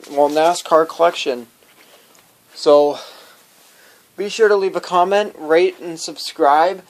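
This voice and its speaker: A man casually showing his hobby collection to viewers, rambling and stumbling over his words as he goes. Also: on the high side. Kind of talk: casual show-and-tell vlog.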